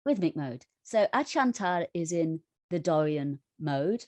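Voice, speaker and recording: A woman's voice: sits low, lively intonation, unhurried, darkish tone, no echo. A woman tutoring an online music workshop, explaining thoughtfully with frequent restarts and self-corrections.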